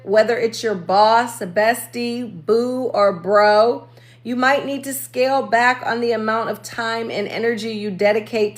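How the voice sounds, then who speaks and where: Casting: American woman, astrologer host, fairly high voice, chatty and jokey, voice cracking. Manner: chatty, with quick joking asides. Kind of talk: casual horoscope reading.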